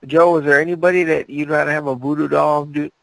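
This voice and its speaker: A man's voice: a little high, steady tone, quick pace, vocal fry, poor audio. A man co-hosting a casual horror podcast, teasing his friends and saying dude constantly. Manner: teasing, says dude a lot. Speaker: podcast co-host.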